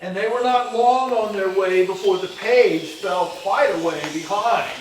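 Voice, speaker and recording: On stage, a man plays a storyteller narrating an old winter tale, delivering dramatic, scripted storybook narration with a suspenseful mood. His voice sits high and his pace is measured, recorded in an echoey hall with a far mic and faint noise.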